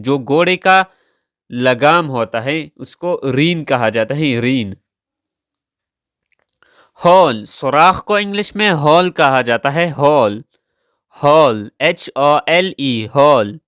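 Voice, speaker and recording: A man's voice: fairly high pitch, fairly bright tone, clear, resonant tone, no room sound, clean studio sound. A man teaching English vocabulary, saying each word several times and spelling it out letter by letter. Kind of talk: slow vocabulary lesson, spelling words letter by letter.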